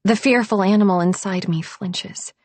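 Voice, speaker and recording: A woman narrating an audiobook in first person, reading at a measured, even pace. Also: medium pitch, dry recording.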